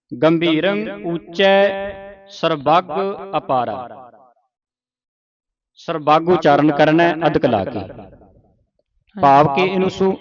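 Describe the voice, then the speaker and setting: A man's voice: fairly high pitch, dull audio. Patient Punjabi man teaching recitation. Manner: patient, repeats words slowly for the student. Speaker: Gurbani pronunciation teacher. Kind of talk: line-by-line recitation lesson.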